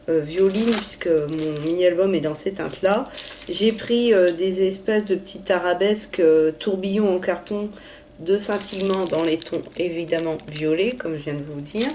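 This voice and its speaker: A hoarse young woman, raspy from being ill, chatting through a casual haul video with many hesitations. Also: medium pitch, darkish tone, slight background noise. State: hoarse from illness. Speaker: vlogger.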